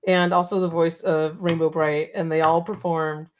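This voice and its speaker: A woman's voice: deep voice, level tone, moderate pace. Chatty woman with a cracking voice. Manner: chatty, laughs often, reads out viewer comments. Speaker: podcast co-host. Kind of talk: casual chat.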